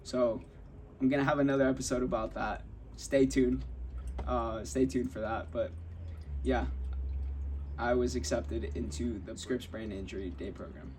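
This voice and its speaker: A man's voice: medium pitch, fairly even intonation, moderate pace, darkish tone. A young man hosting a podcast, telling a personal story in a candid, rambling way with many restarts and acted-out quotes. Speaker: podcast host. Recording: voice slightly off-mic with faint ambient noise.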